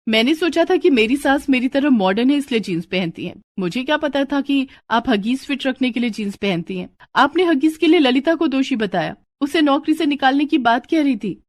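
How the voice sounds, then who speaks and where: A high, inquisitive young daughter-in-law from a cartoon story, as a woman narrator puts her on. She sounds eager and probing, and the recording is close and dry. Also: animated, a little fast, few pauses, dry recording.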